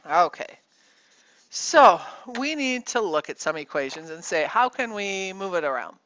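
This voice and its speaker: A woman teaching a recorded math lesson in a casual, chatty way, with fillers and quick self-corrections as she thinks aloud. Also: lowish voice, sing-song, fairly bright tone, muffled recording.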